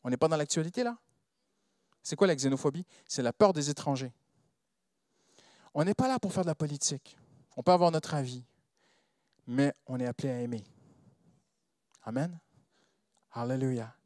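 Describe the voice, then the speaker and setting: Animated preacher with a non-native accent. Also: male voice, on the high side, moderate pace, pauses often, no room sound, clean studio sound. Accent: non-native French accent. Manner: animated, asks the congregation rhetorical questions. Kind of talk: sermon.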